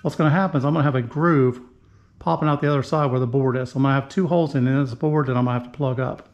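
A middle-aged woodworking channel host explains his project step by step as he works, talking through each move in a casual, plain-spoken way. His mid-range, darkish voice is very fast and fairly even in intonation. The camera mic captures him muffled in his echoey home garage shop, with faint background noise.

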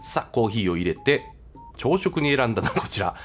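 A man's voice: medium pitch, big pitch swings, brisk, a little hiss or hum. A man with a Kansai accent narrating his travel vlog in a jokey way, mixing formal phrasing with dialect. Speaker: travel vlogger.

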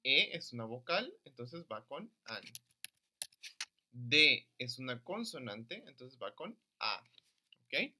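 Bright, lively man teaching children. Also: medium pitch, slight background noise. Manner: slow, drills pronunciation by repeating words; stresses syllables for children to repeat. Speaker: primary school English teacher. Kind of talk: recorded lesson for young children.

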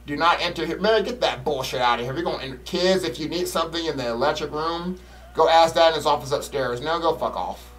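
A fast-talking streamer, recorded on a distant mic, plays a horror game and bluntly complains about it. His commentary is loose, slangy and profane, bouncing between quiet muttering and loud, high-pitched yelps.

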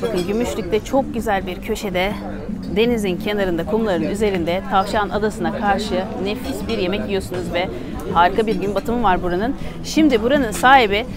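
A woman's voice: mid-range voice, moderate pace, loud music behind the voice. A woman in her thirties, a food vlogger, chatting upbeat to a phone held at arm's length at an outdoor seaside restaurant. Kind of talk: casual restaurant vlog.

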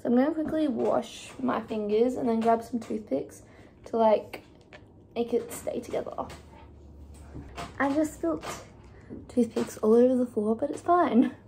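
A woman's voice: fairly high pitch, measured pace, creaky, long pauses, warm tone, a little hiss or hum. A young woman chatting casually while cooking in her home kitchen, with lots of fillers. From Australia. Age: young adult. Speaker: vlogger. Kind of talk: casual cook-along chat. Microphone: phone camera on the counter.

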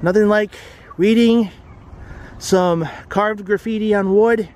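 A man with a fairly high voice walks a lakeside trail and chats through the sights like a casual tour guide. Recorded outdoors on a camera mic, with a faint hiss of background noise underneath. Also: fairly even intonation, takes it slowly, a little mellow. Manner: chatty tour-guide commentary. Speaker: vlog host. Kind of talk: casual travel vlog narration. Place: outdoors at a lakeside forest preserve.

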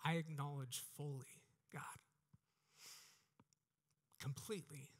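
Slow and steady in tone, with a pitch on the high side, this American man in his thirties preaches earnestly into a headset mic. The exhorting sermon, full of repeated phrases, is delivered on an indoor church stage.

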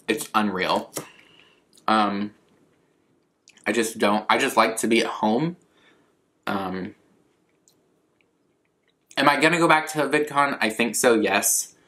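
A man's voice: on the low side, sharp tone. A man in his twenties chatting casually and candidly to camera, rambling in a self-deprecating way as he answers viewer questions. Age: 20s. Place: living room at a coffee table, indoors.

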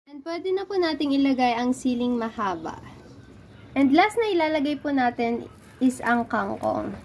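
The young woman behind this casual cooking vlog speaks to the camera from a table in a dark indoor room. She's chatty, polite, and playful, giggling frequently. Her high-pitched voice is expressive, with a moderate pace and a darkish tone.

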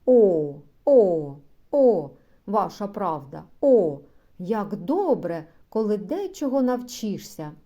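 A woman reading aloud and voicing a naive, hot-tempered bourgeois man who exclaims eagerly and protests loudly. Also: high voice, unhurried, voice pushed up. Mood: delighted. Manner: excitable, loud, exclaiming.

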